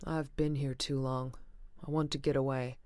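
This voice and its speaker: A run-down, ailing garage owner who talks flat and tired, as a woman reads his lines. Low, smooth voice, dry and close to the mic. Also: moderate pace, no echo. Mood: weary. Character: weary sick garage owner man. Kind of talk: audiobook reading.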